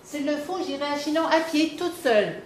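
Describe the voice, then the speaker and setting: A woman, voicing a determined young peasant girl in a calm, firm storybook reading. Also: high voice, fairly quick, reverberant, a little hiss or hum, pitched above the performer's own voice. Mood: resolute.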